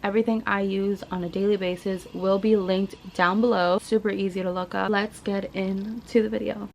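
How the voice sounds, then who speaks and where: A woman's voice: medium pitch, level tone, normal speed, poor audio. A woman chatting casually and informally to her viewers in a girly way, as a beauty vlogger giving a makeup tutorial. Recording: clear background noise of rain. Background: rain.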